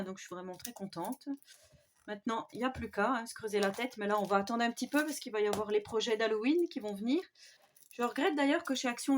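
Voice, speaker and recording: A woman vlogger doing a casual show-and-tell of scrapbooking papers, speaking softly and admiringly with frequent hesitations. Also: a little high, a little hiss or hum. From France. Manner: soft-spoken, admiring, with frequent fillers.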